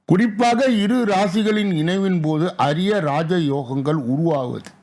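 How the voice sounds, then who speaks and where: A male astrologer, reading out astrology rules in slow, deliberate, evenly spaced phrases. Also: on the high side, a little mellow. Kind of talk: reading daily astrology segments.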